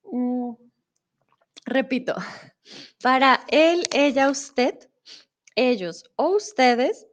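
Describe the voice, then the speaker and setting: A young Colombian woman with a Bogotá accent gives a Spanish lesson on a live stream, speaking slowly in a slightly high voice and patiently explaining each point. Every so often she pauses to read viewer comments from the chat aloud.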